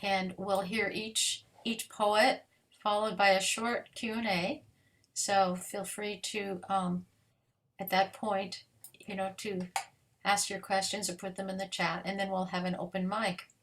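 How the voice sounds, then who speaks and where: A woman's voice: medium pitch, little pitch movement, unhurried, a bit bright, a little hiss or hum. A woman hosting an online poetry event, welcoming the audience and reading out the first poet's bio in a plain, level way. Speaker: host and event organizer. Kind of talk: introducing readers at a poetry event.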